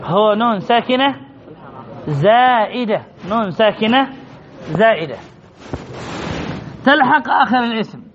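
A man's voice: extremely high pitch, expressive, measured pace, pauses often, highs cut off. A man teaching an Arabic grammar lesson, stressing and repeating key points and quizzing his students as he goes. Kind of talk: classroom lesson.

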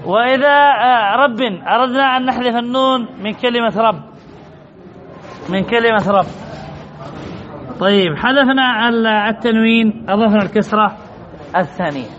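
A man with a very high voice teaches grammar in an emphatic way, repeating each point and asking his students questions. The recording is dull and lo-fi. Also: a little fast, a bit bright, slight background noise. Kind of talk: classroom lesson.

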